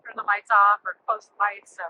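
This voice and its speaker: As an interview guest, a thirties-aged woman whose first language is Russian recounts personal stories casually; she's a realtor, formerly a firefighter, born near Chernobyl and raised in California after emigrating young. Her mid-range voice is flat, brisk, bright and forceful, on a rough recording with a little hiss or hum.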